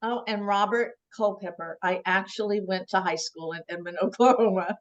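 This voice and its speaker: A woman's voice: medium pitch, moderate pace, lo-fi sound. A woman from Pennsylvania presenting a webinar, chatting casually and greeting attendees by name over a video call. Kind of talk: casual chat.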